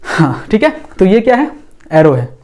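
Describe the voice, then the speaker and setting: A man's voice: sits high, huge pitch swings, a little slow, darkish tone. A man teaching a physics lesson in a casual, patient way, drawing on a board as he talks and often checking that the class follows.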